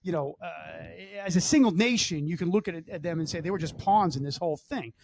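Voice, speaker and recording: Man, podcast co-host, high voice, rapid talk, animated, video call. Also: creaky, a little hiss or hum. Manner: animated, acts out quoted voices. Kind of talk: casual podcast chat.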